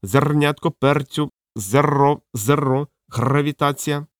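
A man's voice: on the high side, dry recording, voice pushed up. Man doing a cryptic talking parrot. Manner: halting, repeats clipped words slowly. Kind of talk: audiobook character voice.

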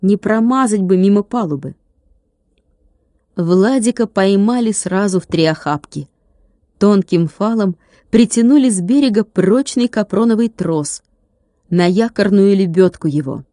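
A woman narrating an audiobook in an expressive storytelling manner. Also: mid-range voice, unhurried, no room sound, studio quality.

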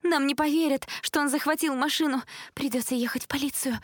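Woman doing a shrill panicky teen girl. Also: fairly even intonation, brisk, dry recording, clean studio sound, lightly acted. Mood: pleading. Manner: shrill, pleading. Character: panicky teenage girl, frightened.

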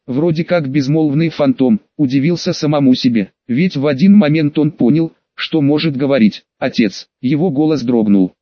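A man's voice: on the high side, dry recording. Man reading an audiobook, dry dull sound. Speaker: audiobook narrator. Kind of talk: scripted audiobook narration.

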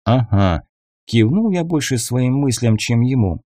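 A man reading a first-person audiobook in a steady, grim storytelling manner. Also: mid-range voice, moderate pace, no echo, studio quality. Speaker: audiobook narrator.

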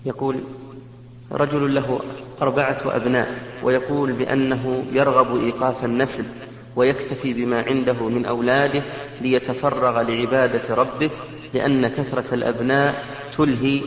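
A man formally reading out questions to a scholar in a steady way. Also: mid-range voice, moderate pace, a little hiss or hum. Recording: echoey hall, muffled lo-fi tape.

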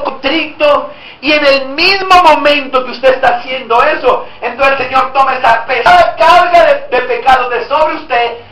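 A man's voice: extremely high pitch, a bit bright, a little hiss or hum. A man preaching a sermon as pastor, emphatic and often asking the congregation rhetorical questions. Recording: echoey room.

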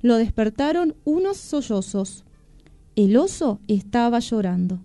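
A woman storyteller reading a children's tale aloud with expressive delivery, on a studio microphone. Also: fairly high pitch, measured pace, dry recording. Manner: expressive, animated. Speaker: storyteller guest.

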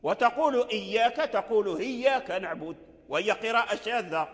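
An older man teaching Quranic readings, explaining slowly with many repeats and chanting short example readings. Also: high-pitched, a bit bright, long reverb tail.

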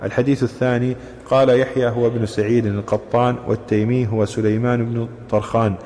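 A man reading a classical commentary aloud in a mosque, with steady recitation. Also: mid-range voice, fast, slight background noise. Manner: steady recitation of quoted chains. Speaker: student reading the text aloud. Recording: long reverb from mosque hall.

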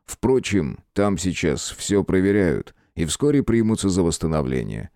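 A man voicing a middle-aged prince and father, measured and dryly amused. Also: sits low, very animated, mellow, no echo, clean studio sound. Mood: calm.

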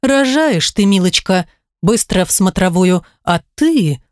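A stern, brisk middle-aged woman doctor snaps out orders, as a woman narrator plays her in an audiobook. Her manner is commanding and no-nonsense. The sound is dry and close. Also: medium pitch, expressive, darkish tone, dry recording, close to an everyday voice.

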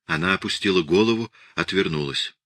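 A man narrating a literary audiobook in a calm, measured reading. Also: sits low, dry recording, clean studio sound.

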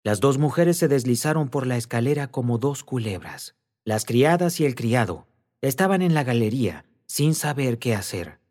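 A man narrating a classic novel as an audiobook with a slow, expressive, dramatic reading. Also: mid-range voice.

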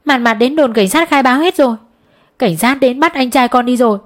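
A woman's voice: normal speed, darkish tone, close to an everyday voice. A woman reading an audiobook, voicing a distraught middle-aged mother who pleads for her son through tears. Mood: frantic. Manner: sobbing, pleading, raised pitch. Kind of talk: audiobook character voice.

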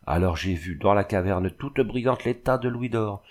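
Grief-stricken young peasant mother, read by a male narrator, low-voiced, anguished. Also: normal speed, close to an everyday voice. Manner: pleading, anguished storytelling.

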